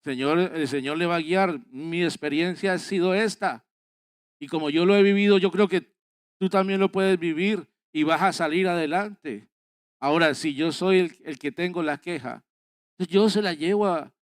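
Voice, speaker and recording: A male pastor delivers a sermon at a church service, urging his listeners on in an earnest, exhorting way and hammering home points through repetition. His voice sits high and comes across clean and resonant. The sound is dry and close, with little room echo. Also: normal speed. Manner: earnest, exhorting, repeats phrases for emphasis.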